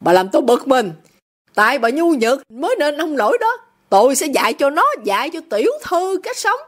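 A woman reads a furious middle-aged father who got rich by shady deals. He shouts insults at his daughter in a high, wildly swinging voice, bullying and contemptuous. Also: very animated, moderate pace. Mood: raging.

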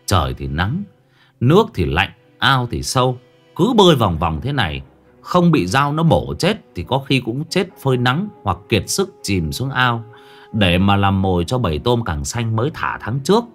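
A man's voice: mid-range voice, wildly swooping pitch, moderate pace, fairly bright tone, soft background music. A man narrating a comic folk tale in an earthy, colloquial way. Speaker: storyteller.

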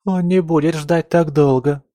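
A spoiled younger sister from a noble house, teary and quick to flare up, as a male narrator puts her on. The voice is raised high and whining, with a sob always close behind the words. It is recorded close and dry, with no room sound. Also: a little mellow, no room sound, natural voice. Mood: tearful. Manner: whiny and sobbing, quick to anger.

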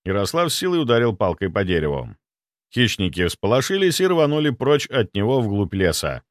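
A man reading an audiobook as narrator in an expressive storytelling manner. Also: lowish voice, fairly quick, no room sound, studio quality.

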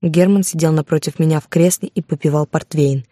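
A woman's voice: sits low, steady tone, a little fast, warm tone, no room sound, clean studio sound. A woman narrating a first-person audiobook with a dramatic, emotional reading.

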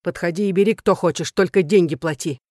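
A woman's voice: fairly low pitch, fairly quick, a little mellow, no room sound, studio quality, lightly acted. A woman voicing a jealous older man who scolds and pleads tearfully, in a storybook reading. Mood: bitter, scolding. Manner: abusive, wheedling, tearful lament.

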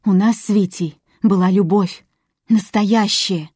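A woman's voice: mid-range voice, steady tone, measured pace, a little mellow, breathy edge, no echo, clean studio sound. A woman reading as a hurt young woman who pleads her case in a raised, earnest voice. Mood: defensive.

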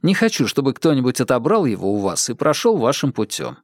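In this audiobook, a man voices a young male detective who is calm and ironic, teasing in a dry, unhurried way with a wry mood. His pitch sits in the middle, and there's no room sound at all.

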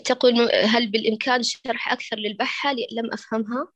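A woman's voice: on the high side, steady tone, quick pace, a bit bright, no room sound, dull audio. A woman moderating an online lesson, politely reading out students' questions.

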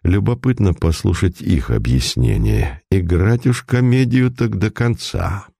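A man voicing a shrewd police chief who speaks in a hushed, conspiratorial way. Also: low-pitched, expressive, unhurried, gravelly, breathy edge, dry recording, studio quality, heavily acted. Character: shrewd male police chief, calm and playful.

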